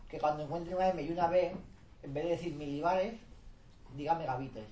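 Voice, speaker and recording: An adult presenter explains phone settings to a small group in a relaxed, patient way, often checking that listeners follow along. The voice sits at a middle pitch and sounds distant, in an echoey room over steady background noise. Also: brisk. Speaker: presenter at a users' meetup. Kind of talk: casual explanatory demo talk.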